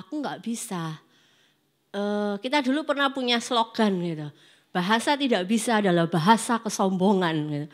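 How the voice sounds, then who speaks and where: Lively woman preaching to youth. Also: on the high side. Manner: lively, acts out students' excuses in character voices. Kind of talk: casual youth sermon. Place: church service.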